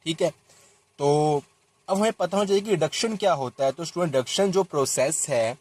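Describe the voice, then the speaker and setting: Here the young chemistry teacher sounds on the high side, fairly quick, and somewhat dark in tone. As he explains a reaction at the board, he talks straight to the class and keeps stopping to correct what he's writing in the formulas.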